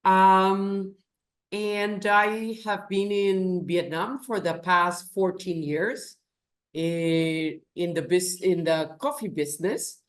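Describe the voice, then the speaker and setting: Slow-speaking Peruvian-born woman, echoey room. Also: fairly low pitch. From Peru. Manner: slow, thoughtful, emphatic. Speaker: guest, business executive. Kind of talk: interview.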